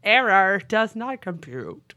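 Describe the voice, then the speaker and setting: A woman's voice: mid-range voice, big pitch swings, slow, sharp tone, dry recording, studio quality, full character voice. A woman doing a beeping robot voice. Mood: mock robotic. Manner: mock robot voice, beeping and saying it does not compute. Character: clunky movie robot with a helmet, beeping. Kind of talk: casual film review chat.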